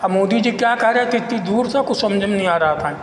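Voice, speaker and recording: High-pitched man in an echoey room. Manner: halting, repetitive, rambling. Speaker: local citizen giving his account. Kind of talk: informal spoken monologue of complaint and appeal. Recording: echoey reverberant room with faint noise.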